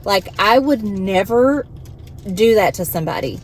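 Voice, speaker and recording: A woman's voice: mid-range voice, expressive, a little slow, slight background noise. Exasperated woman venting a story. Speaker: vlogger and home health worker.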